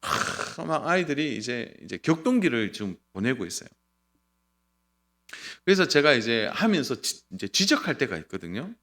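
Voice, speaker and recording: A middle-aged male pastor giving an earnest sermon, swinging between loud and soft. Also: mid-range voice, moderate pace. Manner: lively, earnest preaching with sudden loud and soft turns.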